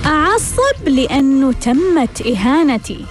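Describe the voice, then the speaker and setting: High, animated woman host. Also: unhurried, music in the background. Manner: rhetorical, repeats questions and answers them. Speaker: host of a self-help show. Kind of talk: scripted self-help monologue.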